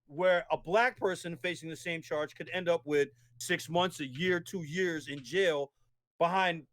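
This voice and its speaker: A man with a somewhat high voice lays out his point in a long, casual debate. He keeps restarting his sentences and checking in with "right?" as he goes. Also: a bit bright. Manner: explains at length, many restarts and tag questions. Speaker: guest.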